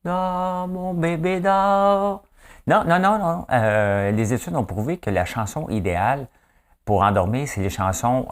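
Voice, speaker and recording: A man in his fifties with a Quebec French accent, hosting a casual, folksy news chat and often asking his listeners questions. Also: deep voice. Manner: chatty, folksy, keeps asking "hein?". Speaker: host.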